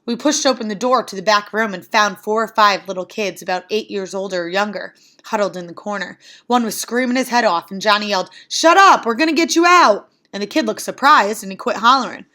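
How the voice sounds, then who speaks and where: A woman reading a novel aloud in an even, plain narration. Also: medium pitch, a little fast, hardly any pauses. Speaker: reader.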